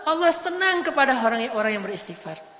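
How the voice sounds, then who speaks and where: In an echoey hall with a long reverb, a woman preacher tells playful, jokey stories during a funny, casual sermon. Her high voice is sing-song and fairly bright, and she speaks fairly quickly.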